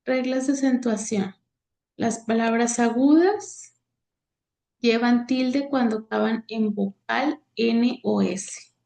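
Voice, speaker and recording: A woman teaching a lecture from slides, pausing often and filling gaps as she reads. Her voice sits a little high but has a dark, gravelly edge, and she talks slowly. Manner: halting, many fillers, reads from slides. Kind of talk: slide lecture on accent rules.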